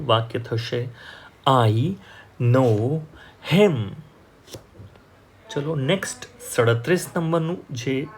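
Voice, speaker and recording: A man with a Gujarati accent teaching English vocabulary, slowly repeating each word and example sentence. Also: mid-range voice, a little hiss or hum.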